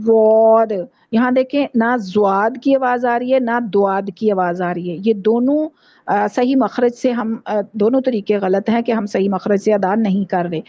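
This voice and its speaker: A fairly high-voiced woman with a soft, mellow tone, teaching recitation in a patient, step-by-step way. She slows down and repeats each sound so her students can copy it. The audio is dry and dull, like a lo-fi video call. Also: no echo. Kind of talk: online class instruction.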